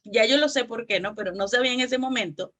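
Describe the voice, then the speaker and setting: A female interview host with a somewhat high voice, talking conversationally. She often affirms her guest briefly and follows up with reflective questions. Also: fast, fairly bright tone. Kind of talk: casual interview.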